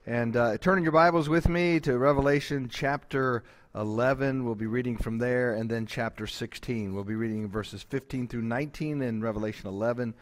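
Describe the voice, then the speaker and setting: A man's voice: medium pitch, a little fast. A man, a pastor preaching a sermon in a church, telling folksy, humorous stories with many fillers and restarts. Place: church sanctuary.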